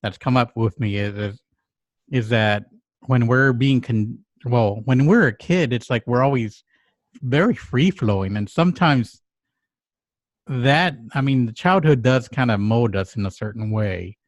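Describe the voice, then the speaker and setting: A halting, reflective man from Mexico. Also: medium pitch, no echo. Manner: halting, with frequent restarts and trailing pauses. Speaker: podcast co-host. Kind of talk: reflective casual conversation.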